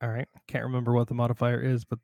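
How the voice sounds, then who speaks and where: Game master: man, mid-pitch, chatty rules talk, dry close sound. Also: racing, gravelly, no room sound. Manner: relaxed, chatty rules explanations. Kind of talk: narrating a tabletop game.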